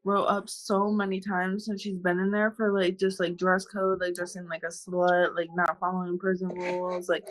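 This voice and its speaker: A woman's voice: on the low side, little pitch movement, normal speed, few pauses, low-quality recording. Rambling woman guest, "like" every phrase. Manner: rambling, says "like" constantly. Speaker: podcast guest. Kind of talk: casual group chat.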